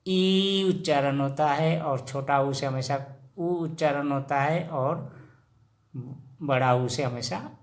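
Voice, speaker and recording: A man gives a slow, patient language lesson. He drills syllables one at a time, drawing each out, and his voice sits at an ordinary middle pitch. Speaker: teacher.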